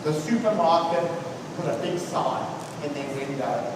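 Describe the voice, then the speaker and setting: Male business speaker, slightly high-pitched and emphatic, recorded from afar in a reverberant hall. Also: a little slow. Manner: emphatic, repeats points and addresses listener by name. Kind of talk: business talk to an audience. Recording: echoey hall, mic from far off, background noise.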